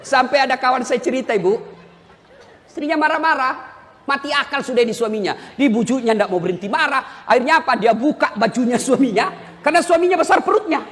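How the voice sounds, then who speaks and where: A male preacher delivers a lively sermon, joking and teasing, then bursting into shouts. His voice sits very high, bright and forceful. A long reverb trails behind him, as in a large hall. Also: a little fast. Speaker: Islamic preacher.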